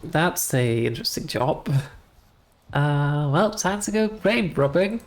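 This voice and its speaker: A woman streaming a game playthrough, her voice low and lively in pitch as she chats with wry asides. She talks at an unhurried pace. Faint music plays under her voice.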